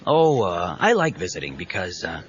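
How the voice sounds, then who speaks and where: In an audio drama, a man with a low voice and huge pitch swings plays a breezy, cocky young superhero, casual and chatty. His mood is breezy and confiding, delivered at a moderate pace. The recording sounds like a dull cassette with faint background noise.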